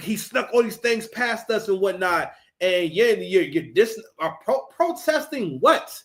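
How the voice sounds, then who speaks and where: A man, a former battle rapper, hosting a livestream and giving heated, profane commentary, often repeating words as he restarts. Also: sits high.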